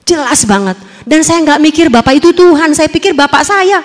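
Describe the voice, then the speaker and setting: High-voiced woman. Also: moderate pace, big-room sound. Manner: lively, animated storytelling, addressing the audience directly. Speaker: testimony speaker. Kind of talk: church testimony to a congregation.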